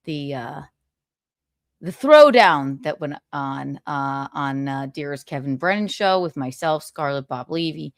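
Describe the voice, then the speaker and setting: A woman's voice: deep voice, animated, measured pace, dry recording, clean studio sound. A woman hosting a casual gossip livestream, chatting in a sassy, theatrical, giggly way. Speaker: live stream host.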